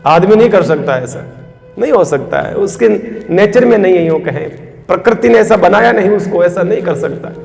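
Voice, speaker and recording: A man, preaching a sermon and telling folk stories in a folksy, animated way. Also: sits high, gravelly. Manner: folksy, animated storytelling with rural idiom. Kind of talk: Ram katha sermon storytelling. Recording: reverberant hall, faint music.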